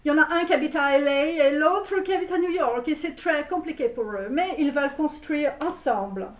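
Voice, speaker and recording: A woman's voice: high-pitched, close to an everyday voice. A woman playing a grandiose Romanian-born American tarot guru in a parody reading, with a put-on Romanian accent and English words thrown in. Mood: pompous. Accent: put-on Romanian accent in French. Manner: grandiose, sprinkles English words, drawn-out phrases. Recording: roomy echo, mic far off.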